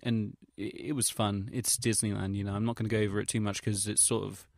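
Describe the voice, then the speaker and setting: A young adult English vlogger talks fast in a low, gravelly, slightly mellow voice with flat delivery. Recorded dry with clean studio sound, his rambling audio log is casual, hesitant and self-deprecating, with an English accent, slang and swearing.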